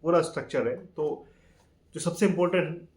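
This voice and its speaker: A man hosting a talk, reading scripture verses aloud slowly and then explaining them in plain with mixed in. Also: fairly high pitch, darkish tone. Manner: reads quotes slowly, then explains in plain Hindi with English words. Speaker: channel host explaining a scripture.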